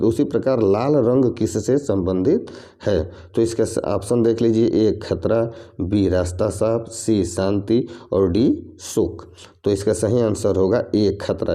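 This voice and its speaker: Male exam-prep tutor, low and very mellow, patient and repetitive, walking through each question. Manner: explains step by step, repeats each question and its options. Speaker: exam coaching teacher. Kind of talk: reasoning lesson for competitive exams.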